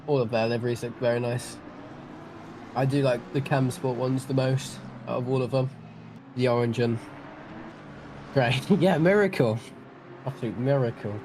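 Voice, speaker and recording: A man's voice: mid-range voice, little pitch movement, normal speed, long pauses, background noise. Chatty Welshman commentating a sim race. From Wales. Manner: chatty and self-deprecating, often restarting sentences. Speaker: sim racing stream commentator. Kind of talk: live-stream race commentary.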